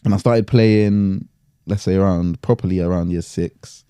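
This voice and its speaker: A man's voice: sits low, moderate pace, clear, resonant tone, no echo. A young man from Croydon, a guest musician telling stories in casual, slangy podcast chat. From Croydon, London. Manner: relaxed storytelling, slangy.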